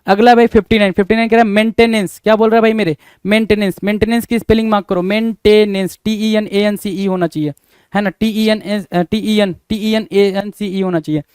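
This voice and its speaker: A man's voice: high-pitched, steady tone, a little fast, a little mellow, clear, resonant tone, no echo. A man teaching an exam spelling lesson, spelling words letter by letter and putting questions to his students over and over.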